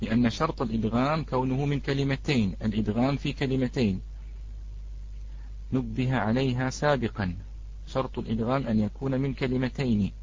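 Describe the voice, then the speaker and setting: A man teaching a live online recitation lesson. He greets the students in the chat and draws out each example word slowly. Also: medium pitch, darkish tone, breathy edge, highs cut off.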